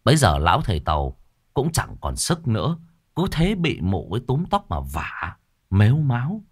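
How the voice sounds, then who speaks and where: A man narrating a ghost story in a dramatic, expressive way. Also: fairly low pitch, moderate pace, husky, no echo, clean studio sound.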